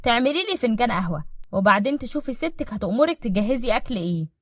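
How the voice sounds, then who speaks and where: A proud, vengeful rich man with an Egyptian accent speaks in cold, commanding tones, as a woman reads him. The delivery is fast, with a dry close sound. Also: on the high side, animated, no echo.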